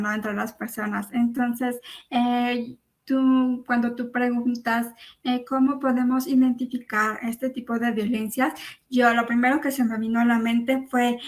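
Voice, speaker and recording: Woman, panelist, fairly high voice, flat and even, reflective, thinking aloud. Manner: reflective, asks herself questions aloud. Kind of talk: online panel discussion.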